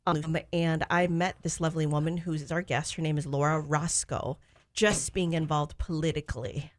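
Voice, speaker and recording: A woman with a low voice co-hosts a chat show. She talks eagerly and chattily, with plenty of enthusiasm. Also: fairly even intonation, normal speed. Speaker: co-host. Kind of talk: casual chat.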